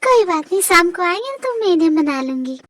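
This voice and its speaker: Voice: very high-pitched, very animated, brisk, fairly bright tone, dry recording, exaggerated voice. A performer voicing a worried, emotional young mother who pleads with her father in an amateur fan dub. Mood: pleading. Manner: pleading, keeps saying "papa".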